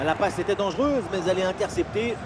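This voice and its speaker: A man giving excited play-by-play football commentary, bursting into drawn-out goal calls. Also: sits high. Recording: loud stadium crowd noise behind voice. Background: loud crowd and match ambience.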